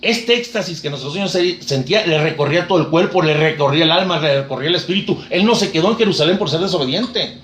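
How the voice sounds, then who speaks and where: A man's voice: a little high, fast, a bit bright, roomy sound, slight background noise. A man preaching a sermon, retelling scripture in a fervent storytelling manner.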